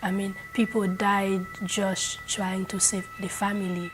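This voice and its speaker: Brief: young woman, grave halting tone, clear music under her. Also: medium pitch, little pitch movement, low-quality recording. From Haiti. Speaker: student.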